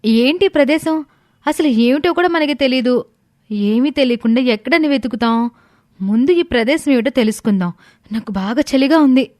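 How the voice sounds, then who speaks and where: Woman as anxious young friend, high voice, dry close sound, worried questions, cartoon story. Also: moderate pace, a little mellow, no echo, natural voice. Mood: uneasy. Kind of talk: animated storybook voice acting.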